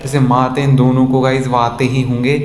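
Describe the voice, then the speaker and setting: A man's voice: medium pitch, little pitch movement, fairly quick, a little mellow. A man casually commenting on his own gameplay in speech, chatting to viewers and calling them guys. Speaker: gaming vlogger. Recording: echoey room, faint ambient noise.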